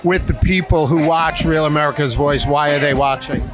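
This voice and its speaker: Upbeat guy reporter interviewing people outside a stadium, kinda high voice. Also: moderate pace, music in the background. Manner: upbeat, conversational, leading questions with "right?". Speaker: field reporter and host. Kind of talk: on-location interview.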